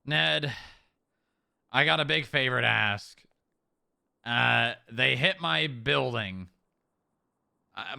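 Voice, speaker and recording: A man leaves a voicemail in a game roleplay, hesitant and pleading and stumbling over fillers. His voice is bright and gravelly, and it sounds close and dry on a desk mic. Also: mid-range voice, no echo. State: leaving a voicemail. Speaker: roleplay streamer. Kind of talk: in-character roleplay.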